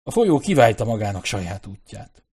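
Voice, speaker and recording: Decisive male expedition leader, read by a man, husky, audiobook. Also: lowish voice, sing-song, darkish tone. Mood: explaining. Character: Nicholas, a brisk, resourceful male expedition leader. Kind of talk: audiobook character reading.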